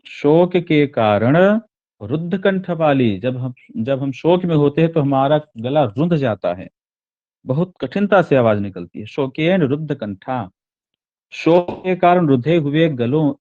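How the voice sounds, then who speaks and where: A man's voice: mid-range voice, darkish tone, dull audio. A man teaching a Sanskrit text: he reads each line, then explains it word by word, repeating and correcting himself as he goes.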